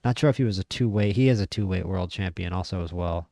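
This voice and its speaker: A man casually commentating a boxing management game, chatty and opinionated, stammering when he gets excited. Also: deep voice, fast, creaky, dry recording. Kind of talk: casual play-by-play commentary over a boxing sim.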